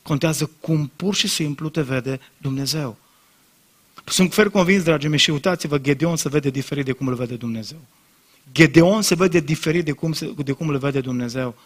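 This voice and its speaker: A man preaching a sermon as pastor, speaking straight to the congregation and building to loud, impassioned emphasis. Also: a little high. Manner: addresses congregation directly and repeatedly.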